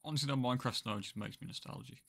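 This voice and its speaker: A man's voice: mid-range voice, racing, vocal fry. A young man chatting casually on a game stream, rambling and swearing freely. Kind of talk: casual live-stream chat.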